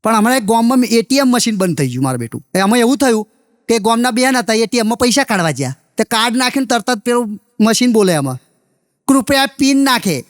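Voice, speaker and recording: A man telling short jokes with rhythmic setup lines and a quick punchline. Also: very high voice, expressive, no room sound, clean studio sound. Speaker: stand-up comedian. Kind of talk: Gujarati joke telling.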